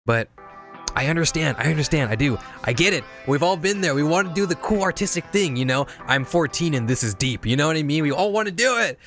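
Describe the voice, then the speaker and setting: A man's voice: fairly high pitch, lively intonation, fast talker, fairly bright tone, faint music behind. A man streaming, casually teaching video editing while reviewing viewer edits, rambling and repeating himself as he explains things step by step.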